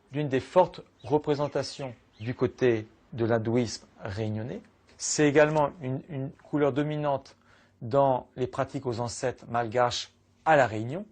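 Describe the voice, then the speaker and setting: A man giving a measured, analytical explanation in a documentary interview. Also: a little high, darkish tone. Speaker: expert commentator.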